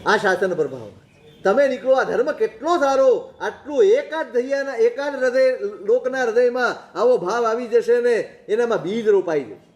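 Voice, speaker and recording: A man's voice: extremely high pitch, lively intonation, normal speed, a little mellow. A man, a monk, delivering a sermon that mixes stories with rhetorical questions. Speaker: Jain monk preacher. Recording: roomy echoing recording.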